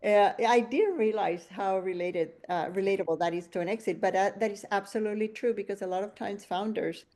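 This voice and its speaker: A woman's voice: medium pitch, brisk, dark tone. Host: middle-aged woman from Venezuela, reflective storyteller, restarts often, conversational podcast tone. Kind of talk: conversational interview.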